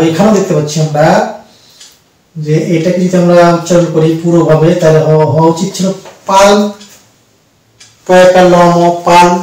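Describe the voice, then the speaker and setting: A man with a Bengali accent teaching a spoken English lesson, explaining slowly and repeating words for his students. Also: fairly high pitch, a little mellow. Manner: slow, repetitive explaining to students. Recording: very echoey room, distant mic.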